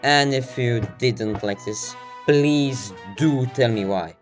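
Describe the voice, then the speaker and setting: A man's voice: mid-range voice, takes it slowly. Casual male guide narrator, recorded under a blanket, slightly winded, rambling and self-deprecating, faint music underneath. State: slightly out of breath. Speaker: video game guide maker.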